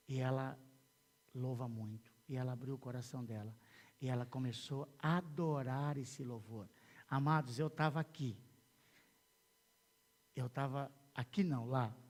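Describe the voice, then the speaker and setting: Brazilian pastor preaching in an echoing church. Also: male voice, medium pitch, a little slow, pauses often. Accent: Brazilian Portuguese. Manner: animated storytelling, repeats words, swings from hushed to loud. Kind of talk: sermon. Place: church sanctuary. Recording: long church hall reverb.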